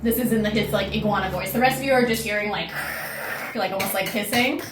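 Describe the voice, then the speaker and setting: A woman's voice: mid-range voice, fast, noisy background. A woman running a tabletop game, narrating informally and explaining the rules and action in everyday language. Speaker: game master. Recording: echoey room, distant mic. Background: clear music.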